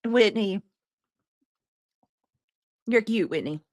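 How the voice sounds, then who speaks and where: A woman's voice: medium pitch, animated, very slow, no echo. Chatty woman, dry close sound. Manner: chatty, teasing, chewing while talking. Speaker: livestream host. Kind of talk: casual livestream chat reading comments.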